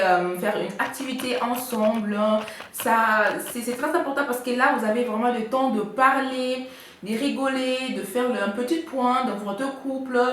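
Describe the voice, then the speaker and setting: Chatty woman vlogger in an echoey room. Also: on the high side. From Congo. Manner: chatty, with frequent hesitations. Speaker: vlogger giving couple advice. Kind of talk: casual advice vlog. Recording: echoey room, faint noise.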